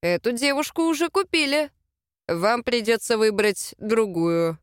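A woman's voice: a little high, animated, unhurried, clean tone, dry recording, clean studio sound. A woman voicing an ingratiating brothel keeper in an audiobook. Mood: fawning.

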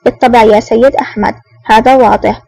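A woman reading an elegant, smug and menacing man with a smooth, sly manner in an audiobook. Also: fairly high pitch, steady tone, fast talker, warm tone, soft background music, poor audio. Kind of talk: audiobook narration.

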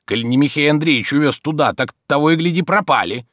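A stubborn old manservant, as a male narrator puts him on, grumbling and ironic, his voice raised higher and louder than the reader's own. He talks in a lively, swooping way, and the recording is close and dry. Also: fast, dry recording.

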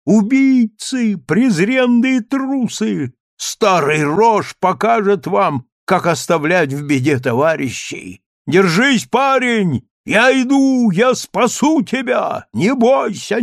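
A man's voice: high voice, big pitch swings, slow pace, gravelly, no room sound, clean studio sound, voice pushed up, heavily acted. A man doing a raving old lighthouse keeper. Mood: raving shout. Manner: mutters, then shouts frantic sea commands.

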